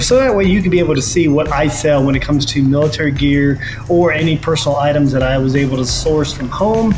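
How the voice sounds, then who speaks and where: Man, fairly high voice, casual ride-along narration, easygoing with fillers, music playing loud underneath. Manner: relaxed, with frequent fillers. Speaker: reseller vlogger. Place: on a motorcycle, outdoors on a highway.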